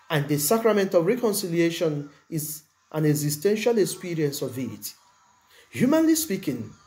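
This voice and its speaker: Man preaching a measured, emphatic sermon. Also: high-pitched, warm tone.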